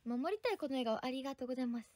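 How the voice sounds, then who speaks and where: A woman's voice: sits high, animated, very fast, darkish tone, no echo. A young woman chatting on a livestream as host, bubbly, thanking viewers and trying out English words. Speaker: livestream idol host reading viewer comments. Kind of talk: casual livestream chat.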